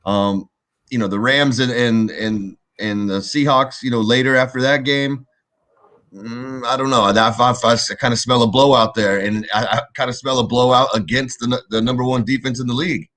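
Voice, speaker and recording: A man co-hosting a sports podcast, giving casual, halting football analysis and repeating words as he thinks. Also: medium pitch, fairly even intonation, fairly bright tone.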